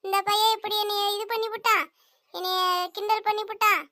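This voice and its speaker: A woman voicing a loud, nagging cartoon mother. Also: very high-pitched, flat delivery, a little fast, no room sound, clean studio sound. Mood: furious. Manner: shouting, scolding, sarcastic. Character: angry nagging village mother, loud and quick-tempered. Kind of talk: cartoon voice acting.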